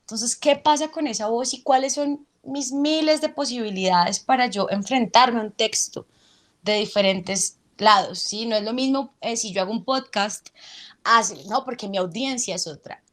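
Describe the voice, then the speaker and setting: A woman's voice: fairly high pitch, moderate pace. A woman, an actress and drama teacher, answering interview questions and showing her points with her voice. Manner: animated, explains with vocal demonstrations.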